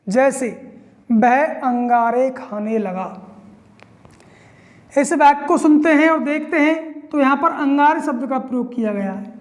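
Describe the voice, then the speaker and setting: High-voiced woman teaching grammar. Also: moderate pace. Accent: Hindi. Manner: explains step by step, asks and answers own questions. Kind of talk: online grammar lesson.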